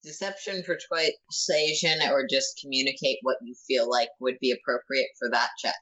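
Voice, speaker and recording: A woman acting as game master, narrating a tabletop role-playing game in a halting, thinking-aloud way. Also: rumbling low, steady tone, fairly bright tone, lo-fi sound.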